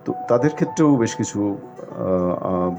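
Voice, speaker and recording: Over music and in dull, lo-fi sound, a man with a fairly low voice gives a discussion-show answer. He speaks formally and deliberately, setting out his points one by one and pausing as he goes. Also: expressive. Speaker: expert guest on a live phone-in discussion. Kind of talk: explanatory panel discussion, point by point. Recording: muffled lo-fi audio with music behind.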